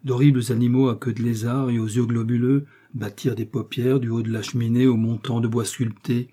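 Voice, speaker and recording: A man reading a classic tale aloud as an audiobook narrator, calm and measured. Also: medium pitch, breathy edge.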